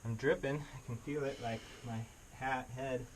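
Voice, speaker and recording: A man of medium pitch chats casually in short, easygoing remarks. He is recorded in a cave, with clear background noise around his voice. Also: steady tone, normal speed. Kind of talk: casual chat. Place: inside a cave during a tour. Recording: noisy cave ambience. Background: cave ambience, dripping water.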